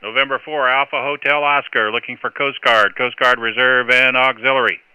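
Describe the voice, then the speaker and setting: A man's voice: medium pitch, fairly even intonation, normal speed, very noisy. A man working as an amateur radio net controller, speaking in courteous, procedural marine radio style with phonetic call signs.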